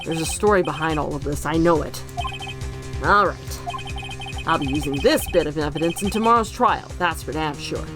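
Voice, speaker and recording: A woman's voice: sits low, moderate pace. A woman hosting a game playthrough, reading dialogue and narration aloud and adding casual comments. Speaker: let's play host. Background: game music.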